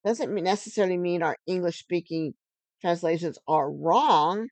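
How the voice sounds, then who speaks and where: A woman giving an earnest teaching sermon on scripture, stressing key phrases and slowing down for emphasis. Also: on the low side, darkish tone, dry recording. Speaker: Bible teacher.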